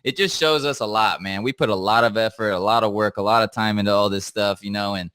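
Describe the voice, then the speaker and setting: A man hosting a live stream, chatting casually with his viewers in an excited way and often laughing. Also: on the low side, fast talker, clear, resonant tone, dry recording. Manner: hyped and giggly, keeps breaking into laughter. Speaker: livestream host.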